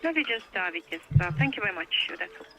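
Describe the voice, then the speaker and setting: Brief: a man as harbour traffic controller over marine radio, high and tense, clipped formal procedure calls. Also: very animated, fast, sharp tone, poor audio. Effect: marine VHF radio transmission. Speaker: vessel traffic service radio operator.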